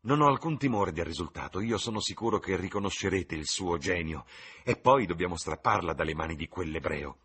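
A man's voice: sits low, animated, a little fast, fairly bright tone, slightly rough, heavily acted. A man reading an audiobook, voicing an ardent, infatuated young man with eager, rising enthusiasm.

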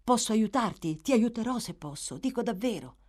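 A woman's voice: fairly high pitch, animated, normal speed, pitched above the performer's own voice. A woman playing an anxious orphan boy. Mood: earnest. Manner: pleading, earnest.

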